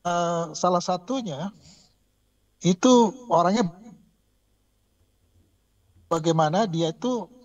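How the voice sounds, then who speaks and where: A man's voice: high-pitched, takes it slowly, long pauses, darkish tone, no echo. Man's voice breaking up over a call. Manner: earnest, emphatic. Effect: choppy audio breaking up over an online call. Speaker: church member giving testimony. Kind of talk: earnest spoken testimony. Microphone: remote call. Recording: muffled, lo-fi remote call line.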